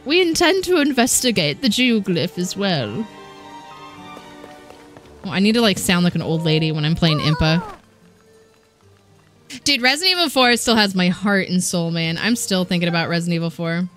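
A woman's voice: lowish voice, expressive, brisk, a bit bright, faint music behind. A young woman casually chatting and giggling while streaming a video game, sometimes reading in-game dialogue aloud.

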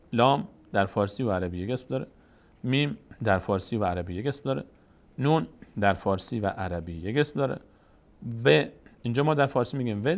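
Male teacher, gravelly voice, patient step-by-step explainer. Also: medium pitch. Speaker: Quran reading teacher. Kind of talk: lesson.

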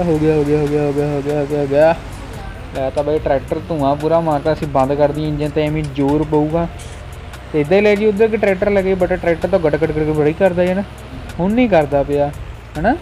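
Speaking briskly in a mellow, higher voice with a steady tone, a young gaming creator bantres casually through his gameplay voice-over. He exclaims and repeats short phrases. Music runs underneath, and the recording quality is low.

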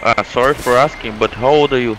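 Bright-voiced non-native man chatting haltingly. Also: mid-range voice, slight background noise, poor audio. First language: not English. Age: late 20s. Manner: halting, repeats yes often. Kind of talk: casual voice chat while gaming.

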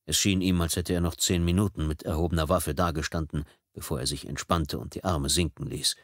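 A man's voice: rumbling low, steady tone, fairly quick, fairly bright tone, no echo. A man reading a thriller audiobook in a tense, dramatic storytelling manner from a close studio microphone. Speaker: audiobook narrator. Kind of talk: scripted audiobook narration.

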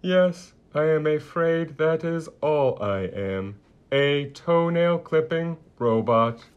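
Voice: mid-range voice, animated, slow, smooth, highs cut off. A voice actor playing a polite, lonely stowaway robot in a cartoon, talking in a stiff, formal robot voice. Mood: wistful. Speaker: robot character. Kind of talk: cartoon voice acting.

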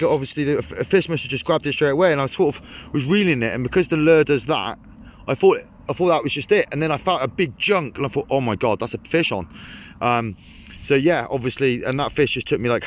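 A young man vlogging his fishing trip outdoors beside a ditch, talking excitedly and rambling to a camera set on the bank. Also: medium pitch, quick pace, slight background noise. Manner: excitable, rambling, lots of fillers. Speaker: angling vlogger. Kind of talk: casual chat to camera.

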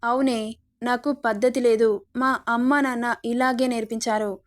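A woman's voice: fairly high pitch, flat delivery, a little slow, lightly acted. A woman voicing a domineering, possessive young man who taunts and threatens. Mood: menacing.

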